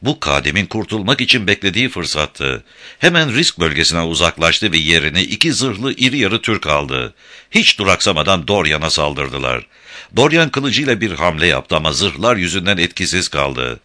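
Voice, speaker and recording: A man narrating an adventure audiobook in a dramatic, expressive storytelling manner. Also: deep voice, moderate pace.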